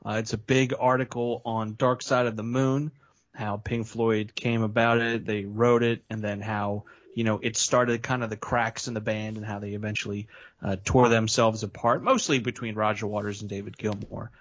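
A man's voice: lowish voice, little pitch movement, moderate pace. A man chatting casually over a video call, telling rambling, self-mocking stories. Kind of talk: casual chat. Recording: slightly muffled sound.

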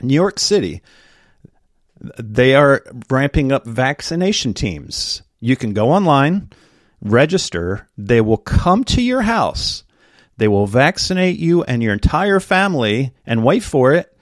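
A man's voice: mid-range voice, big pitch swings, measured pace, dry recording, studio quality. A man hosting a political talk radio show, urging listeners to act locally in an urgent, rallying way.

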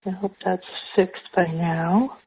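A woman's voice: on the low side, fairly even intonation, slow, husky. A woman speaking as a spiritual coach, hosting a live group call and guiding listeners through meditation. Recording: thin, phone-like call audio.

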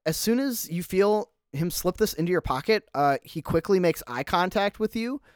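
A man's voice: high voice, lively intonation, normal speed, clear, resonant tone, no room sound. A man narrating a tabletop game as game master, casual with many fillers.

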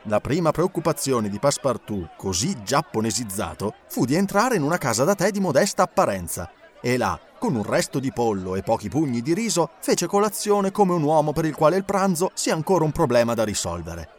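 A man reading a novel aloud as narrator, in an expressive, lilting way. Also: mid-range voice, fairly quick. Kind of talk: audiobook reading.

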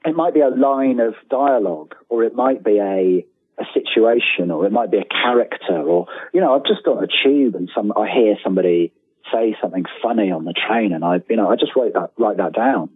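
Over a thin, phone-quality line with room echo, a low-leaning, breathy male voice speaks fairly quickly. He's a freelance writer guesting on an interview, chatting casually, wandering off track, and running himself down. His sentences frequently restart.

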